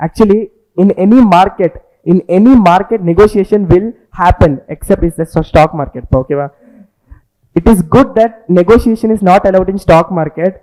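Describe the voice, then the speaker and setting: Fast, high-pitched man with a Tamil accent. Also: dark tone, low-quality recording. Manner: repetitive, checks understanding with tag questions. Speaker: teacher. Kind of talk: informal lecture with storytelling, mixing English and Tamil.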